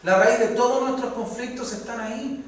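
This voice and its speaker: A Chilean man preaching a sermon as pastor, his voice rising to loud, fervent peaks. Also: very high-pitched, fairly even intonation, moderate pace. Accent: Chilean Spanish. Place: church hall. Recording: echoey hall from far off, faint noise.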